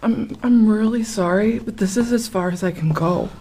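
A woman's voice: medium pitch, normal speed, mellow, slight background noise, natural voice. An actress playing a friendly, apologetic woman who stammers and is eager to please. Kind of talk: scripted skit acting.

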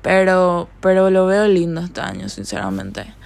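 A young adult woman from Paraguay hosts a casual solo podcast from her bedroom, rambling and chatting with lots of fillers in Paraguayan Spanish-accented speech tinged with Argentine tones. Her voice is on the low side and darkish, with vocal fry, big pitch swings and an unhurried pace.

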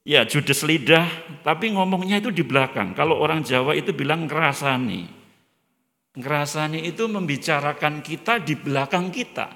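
A man preaching a lively, joking sermon, speaking straight to the congregation. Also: a little high, moderate pace, big-room sound. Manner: animated, joking, addresses the congregation directly. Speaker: guest preacher. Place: church.

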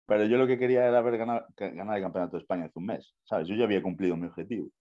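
Talking rapid-fire in a low voice, a young Spanish bodybuilder with a Spanish accent recounts his story in a casual interview, and the sound is lo-fi. He uses plenty of slang and curses, and he keeps ending lines with "tío" and "¿sabes?".

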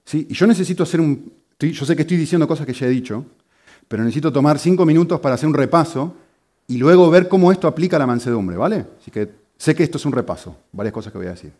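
A man preaching a teaching sermon, explaining briskly and checking in with the listeners again and again. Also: on the high side, lively intonation, darkish tone. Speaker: pastor.

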